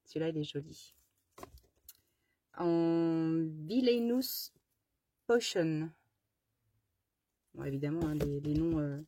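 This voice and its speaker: A woman's voice: low voice, takes it slowly, pauses often, mellow, a little hiss or hum. A woman chatting casually through a haul of her craft supplies, rambling with lots of fillers and restarts and fumbling English product names. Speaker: craft vlogger. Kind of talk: casual haul show-and-tell.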